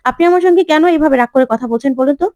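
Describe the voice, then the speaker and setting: A woman's voice: high-pitched, very fast, darkish tone, no echo, lo-fi sound, lightly acted. Aria: a woman doing a defiant young woman. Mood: indignant. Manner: indignant, argumentative. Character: defiant young woman, quick-tempered student.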